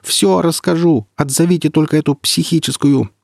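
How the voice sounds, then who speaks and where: A disembodied professor's head that shrieks and protests in a high, indignant voice, put on by a man reading a comic sci-fi tale. The husky tone stays under the yelling. It sounds dry and close. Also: normal speed, no room sound. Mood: panicked.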